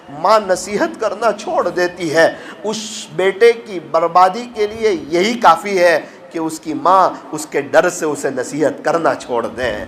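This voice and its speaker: A man preaching a sermon, telling moral stories with emotion and acting out the voices of the people in them. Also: fairly bright tone. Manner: emotional, acts out quoted voices with rising pitch. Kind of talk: sermon with storytelling.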